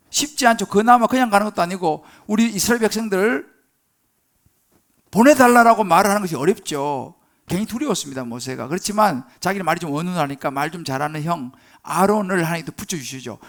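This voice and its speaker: A male pastor delivers a sermon in church with a high voice, keeping it conversational and lively. He puts questions to the congregation and acts out scenes from the Bible.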